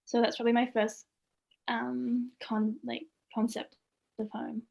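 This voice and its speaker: Brief: young student artist, woman, higher voice, casual and chatty, laughs easily. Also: flat delivery, a little slow, creaky, a little mellow, muffled recording. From Australia. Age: young adult. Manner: chatty, many "like"s, laughs often. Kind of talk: casual interview chat.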